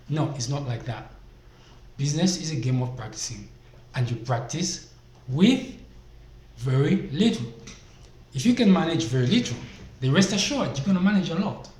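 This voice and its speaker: A Zambian man vlogs business advice into a desk microphone, his voice slightly high with a darkish tone. It's a casual motivational talk to camera, emphatic and full of rhetorical questions. The room is echoey, with faint background noise.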